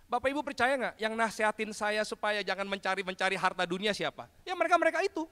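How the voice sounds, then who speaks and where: A man preaching a testimony sermon, telling his story in a lively storytelling way and often addressing listeners directly. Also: high-pitched, fast, clear, resonant tone. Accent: Indonesian. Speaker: pastor. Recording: long hall reverb.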